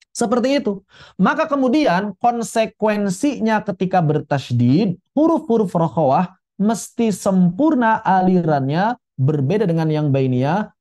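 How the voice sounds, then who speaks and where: A man teaching a Quran recitation lesson, explaining letter sounds in a relaxed, chatty way and repeating each example slowly. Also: on the high side. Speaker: tajwid teacher.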